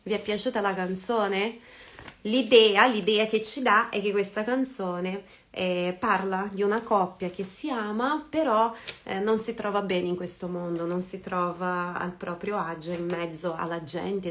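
A woman's voice: mid-range voice, a bit bright. Woman teaching Italian lyrics live. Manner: reads each line in Portuguese then Italian, pausing to explain words. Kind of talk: live-stream lesson, translating song lyrics.

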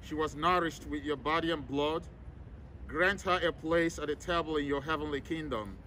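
A man leading a solemn graveside prayer as a priest, reciting in a measured, formal way outdoors. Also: a little high, sharp tone, low-quality recording. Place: outdoors in an open cemetery. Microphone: camera several meters away, speaker masked. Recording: outdoor recording with clear background noise.

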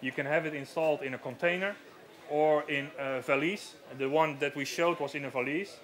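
On a headset mic in a large outdoor-show marquee, the Dutch-accented safety equipment rep, in his thirties, runs a live demo with plain explanations full of fillers. His voice is slightly high and a bit bright, steady in tone, at a moderate pace.

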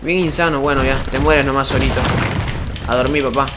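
A man giving excitable live gameplay commentary, yelping and exclaiming as things happen in the game. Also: mid-range voice, fairly quick, very noisy. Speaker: gaming streamer.

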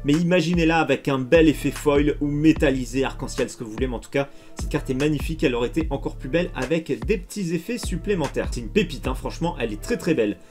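A man chatting excitedly to his viewers while opening trading card packs on camera. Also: a little high, fast talker, few pauses, faint music behind. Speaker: card unboxing youtuber. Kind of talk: casual unboxing commentary.

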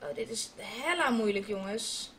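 A woman's voice: mid-range voice, expressive, a little slow, fairly bright tone, slight background noise. A woman giving casual, swear-heavy commentary while playing a computer game at home, chatting to her viewers and dropping in English phrases. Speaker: gaming video host. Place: indoors at a computer, wearing headphones.

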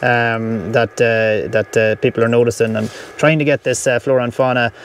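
An upbeat Irish man talks casually over amateur radio from inside a camper van. He reads call signs out phonetically in an even, mid-pitched voice. A faint hiss sits in the background. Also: normal speed. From Ireland. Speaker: amateur radio operator on a field activation. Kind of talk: casual on-air radio chat.

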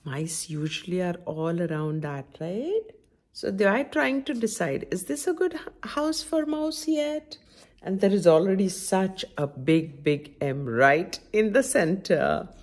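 Reading a picture book to young children from a room at home by the window, a middle-aged story time host asks them plenty of direct questions. Her voice is on the low side with a darkish tone, animated and unhurried.

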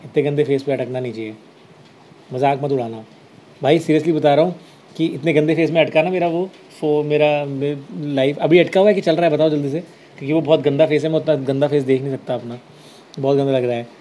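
A man from Uttarakhand, India hosts a casual live stream over a headset, reading viewers' comments aloud and answering with easygoing reassurance. His voice is a little high, steady, brisk and mellow, with slight background noise.

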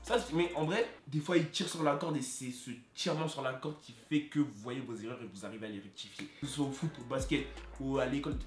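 A man's voice: mid-range voice, quick pace. Young man telling a dramatic story, echoey. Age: young adult. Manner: animated, dramatic, slangy storytelling. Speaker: vlogger. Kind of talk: storytelling vlog. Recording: roomy echo with music behind.

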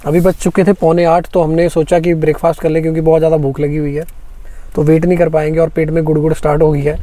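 A young travel vlogger chats casually to his viewers during a road trip, addressing them directly in a chatty way while filming on a phone camera inside a car. His voice is a little high and dark in tone, with little pitch movement and a quick pace.

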